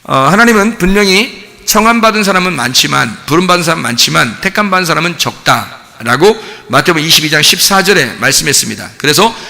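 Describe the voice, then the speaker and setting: A male pastor preaching a sermon with animated delivery, often firing rhetorical questions at the congregation. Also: a little high, quick pace, vocal fry, hardly any pauses, in a large hall. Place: church sanctuary.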